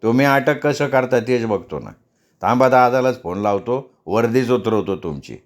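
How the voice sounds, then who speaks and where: A man's voice: mid-range voice, animated, moderate pace, natural voice. A man voicing an arrogant, hot-tempered village politician in a spoken story, blustering and threatening. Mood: angry.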